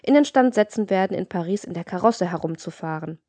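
A woman's voice: lowish voice, animated, fairly quick, warm tone, no echo. A woman voicing a scheming, greedy procuress with a boastful, coaxing manner in an audiobook reading.

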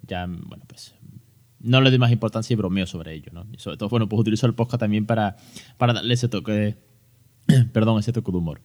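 A man in his thirties with a Spain Spanish accent talks on his podcast into a close mic. His voice sits a little low. He is chatty and joking, full of fillers and restarts. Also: a little mellow. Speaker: podcast host. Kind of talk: casual educational podcast talk.

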